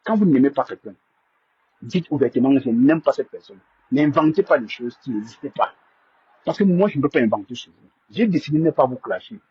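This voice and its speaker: A man's voice: mid-range voice, expressive, brisk, slightly rough, dry recording, dull audio. A man hosting a live stream, stammering and repeating himself as he defends himself to viewers. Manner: indignant, defensive.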